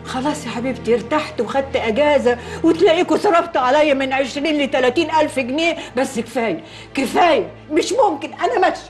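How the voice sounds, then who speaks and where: A woman's voice: high-pitched, lively intonation, fast talker, faint music behind. An actress playing a middle-aged Egyptian mother who scolds stubbornly about money. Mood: indignant. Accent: Egyptian Arabic. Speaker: mother-in-law.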